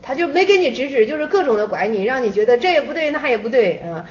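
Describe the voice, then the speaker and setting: A woman explaining an old Zen dialogue in a relaxed, repetitive way, pausing often. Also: high voice. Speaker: Buddhist teacher. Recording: dull lo-fi recording.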